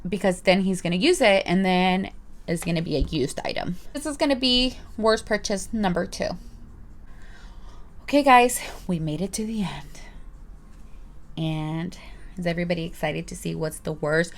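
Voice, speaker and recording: A woman's voice: fairly low pitch, normal speed. A woman in her thirties reviewing her purchases in a casual, chatty vlog, rambling with playful asides. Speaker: vlogger.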